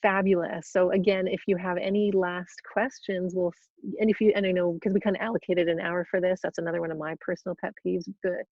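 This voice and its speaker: Chatty gravelly-voiced woman on a webinar. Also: fairly low pitch, level tone, fairly quick, dry recording, lo-fi sound. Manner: chatty, bubbly, with frequent restarts and laughs. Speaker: yoga teacher trainer hosting a webinar. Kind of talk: casual live Q&A, reading questions aloud. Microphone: video call.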